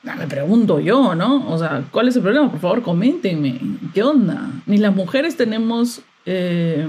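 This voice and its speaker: Husky-voiced chatty young woman podcaster. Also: medium pitch, a little mellow. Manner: chatty, exasperated, laughs often. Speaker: podcast host. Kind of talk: casual monologue.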